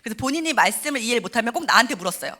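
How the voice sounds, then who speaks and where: A woman telling an emotional personal story at a church service, animated and acting out the voices of the people in it. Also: fairly high pitch, rapid-fire. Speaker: testimony speaker at a church service. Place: church sanctuary.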